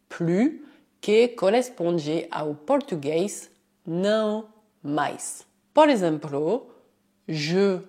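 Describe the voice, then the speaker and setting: Slow, low-voiced woman teaching a lesson. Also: darkish tone. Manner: clear, step-by-step explaining, slows for example sentences. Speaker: French teacher. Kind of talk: language lesson.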